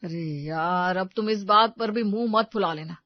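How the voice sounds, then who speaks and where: A woman's voice: medium pitch, normal speed, dry recording, dull audio, natural voice. A woman doing a mild, pleading young husband. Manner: coaxing, placating tone.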